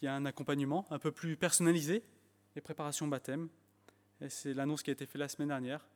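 This sermon comes from a man whose fairly high voice moves little in pitch and runs at a quick pace. He preaches in French with an English accent, sometimes emphatic and restarting phrases with fillers, and the church hall adds a long reverb.

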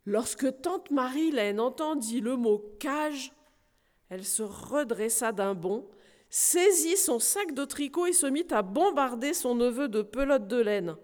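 A woman reading a storybook aloud to a congregation, slow and unhurried. Her voice sits fairly high and moves with lively melody. A long hall reverb trails every phrase.

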